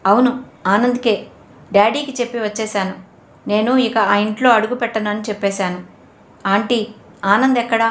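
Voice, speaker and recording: A woman's voice: fairly high pitch, fairly even intonation, normal speed, long pauses, natural voice. A woman reading the lines of a distraught young woman who anxiously searches for her lover, in a roomy echo. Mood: urgent. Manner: anxious, pleading questions.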